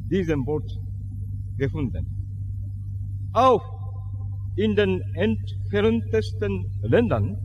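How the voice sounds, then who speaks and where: A middle-aged man from Japan with a Japanese accent addresses a congregation in slow, halting German-learner phrasing. His voice sits a little high and comes very slowly. A long hall reverb hangs on every phrase, over a faint hum. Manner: slow, hesitant, searching for words with many fillers. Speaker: guest speaker at a church service. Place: church hall.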